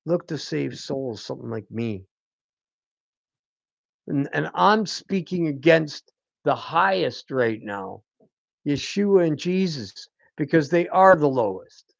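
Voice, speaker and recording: A man with a slightly high, animated voice and vocal fry takes his time delivering a rambling spiritual monologue. He's a channel host who styles himself a teacher, often prompting "hmm?", and the lo-fi recording is dull and dry with no echo.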